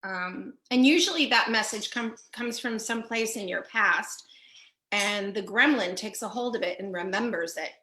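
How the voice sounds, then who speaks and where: A woman's voice: mid-range voice, normal speed, pushed and bright. A woman co-hosting a coaching livestream, chatting in a playful, jokey way. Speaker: co-host, life coach. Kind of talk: casual livestream chat. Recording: roomy echo.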